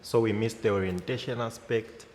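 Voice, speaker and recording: A man's voice: fairly low pitch, steady tone, normal speed, darkish tone. A young man from Zambia, an exchange student, answers interview questions hesitantly, with many fillers. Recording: hall reverb.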